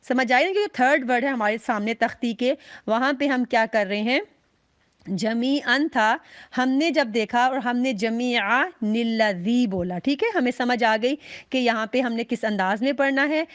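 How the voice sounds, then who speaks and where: A woman teaching a recitation class, patiently explaining step by step and drawing out each example as she reads it slowly. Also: a little high, dry recording. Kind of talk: online class lecture.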